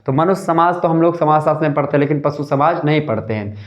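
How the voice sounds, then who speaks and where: A man's voice: on the high side, quick pace, dull audio. A man giving a live sociology lecture, explaining step by step and repeating the key points. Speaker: sociology teacher.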